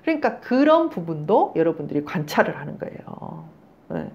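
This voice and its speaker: A woman lecturing on psychology in a very lively voice, her pitch swinging widely as she talks. She acts out angry quoted lines loudly, then drops to a near whisper for the key points. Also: normal speed, muffled recording. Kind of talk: spoken lecture to a class.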